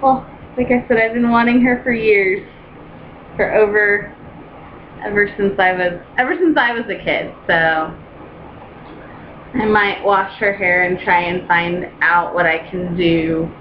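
A young woman in a casual home vlog, talking about a doll she bought and gushing with excitement, with lots of ums and restarts. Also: mid-range voice, a little slow, long pauses. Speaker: doll collector vlogger. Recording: dull lo-fi home video with faint hiss.

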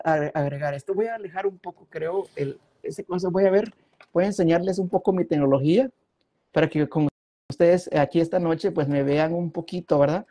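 A man's voice: sits high, warm tone. A man chatting casually on a live stream, reading viewer comments aloud and rambling from topic to topic. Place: home, at a computer.

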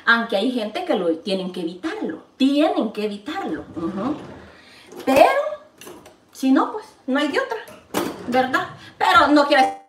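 A woman's voice: high voice, very animated, measured pace, long pauses, reverberant, distant mic, slight background noise. A woman from El Salvador with a Salvadoran Spanish accent, chatting playfully to viewers while cooking in her home kitchen. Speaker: vlogger. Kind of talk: casual cooking vlog chat.

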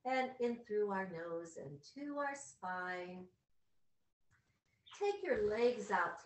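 Female exercise instructor, medium pitch, measured directive counting while exerting herself, echoey video-call room sound. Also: a bit bright. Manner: brisk, directive coaching in short clipped cues; physically exerting while talking, lying on mat. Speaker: fitness instructor. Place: large wood-panelled living room. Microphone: far camera on a video call.

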